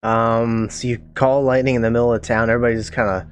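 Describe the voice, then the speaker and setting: A man narrating a tabletop game as game master, in a casual, relaxed way. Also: mid-range voice, fast talker, slight background noise.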